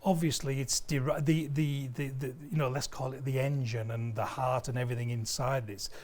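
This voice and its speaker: A British man in his fifties works as a company sales representative and appears as a guest in an indoor audio showroom, where he explains a product with enthusiasm and often repeats words as he goes. His mid-range voice has little pitch movement and a brisk pace, and he is recorded on a lapel mic.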